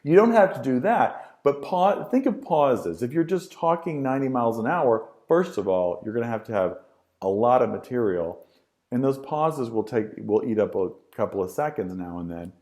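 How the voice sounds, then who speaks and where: A middle-aged man teaching a class on presentation skills, emphatic and repetitive, with lively swings in his voice. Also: medium pitch, normal speed. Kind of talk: lecture to students.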